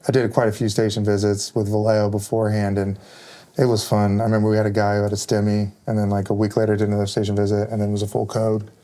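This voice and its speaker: A man's voice: on the low side, monotone, quick pace, mellow. A man on a firefighter panel, chatting casually and rambling with lots of fillers. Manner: rambling, many fillers like "kinda" and "like".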